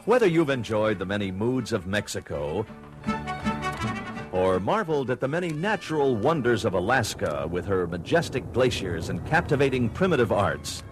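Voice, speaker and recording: A man's voice: lowish voice, very animated, normal speed. A man reading polished, florid travel promotional narration in a salesmanlike way. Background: music.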